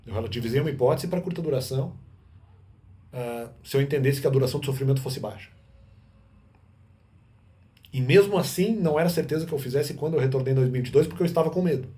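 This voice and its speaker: Fast-talking man rambling. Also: medium pitch, dark tone. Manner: rambling, many restarts and self-corrections. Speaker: vlogger. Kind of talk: unscripted monologue.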